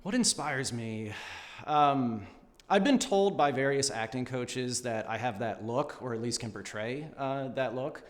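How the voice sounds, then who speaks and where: A man answering questions at an acting audition, polite, measured and thoughtful. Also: mid-range voice, in a large hall. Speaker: actor at an audition. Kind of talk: unscripted audition interview.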